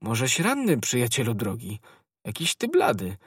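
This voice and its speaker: A man's voice: medium pitch, wildly swooping pitch, normal speed, husky, dry recording, studio quality. A man voicing a grave, noble musketeer who asks urgent, worried questions, in a storybook reading. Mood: alarmed.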